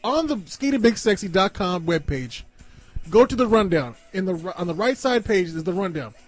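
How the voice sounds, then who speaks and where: A man's voice: sits high, expressive, moderate pace, soft background music. A man co-hosting a podcast with casual, swear-heavy banter. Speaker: podcast co-host.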